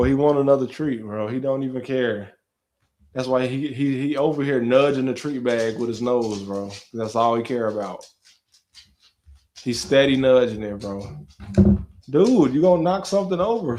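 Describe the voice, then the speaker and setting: A young man in his twenties, hosting a casual live stream, talking slangy and relaxed while answering chat and talking to his dog. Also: medium pitch. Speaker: livestream host.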